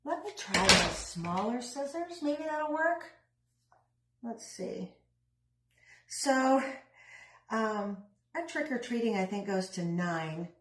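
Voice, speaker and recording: A woman's voice: a little high, animated, slow, long pauses, a bit bright, echoey room, slight background noise, low-quality recording. A middle-aged woman chatting casually while she works on a craft, rambling with self-deprecating asides. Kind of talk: casual craft vlog chat.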